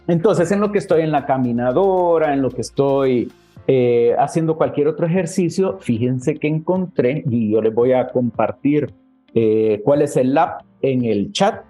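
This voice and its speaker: Man, church teacher, chatty, faint music underneath. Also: fairly high pitch. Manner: warm conversational, addresses listeners as brothers. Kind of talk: casual teaching talk. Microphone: webcam.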